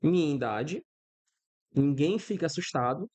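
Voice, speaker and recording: A fairly high-pitched, animated and slightly mellow male voice moves a little slowly. The speaker is a thirty-something Brazilian man with a Brazilian Portuguese accent teaching programming in a screen-recorded lesson, going step by step, often checking on students and using everyday examples.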